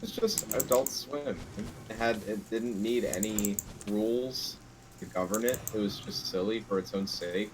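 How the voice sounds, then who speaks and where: A man's voice: lowish voice, unhurried, noisy background. A man chatting casually on a gaming stream, rambling enthusiastically about old shows. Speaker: co-host friend. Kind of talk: casual chat while gaming.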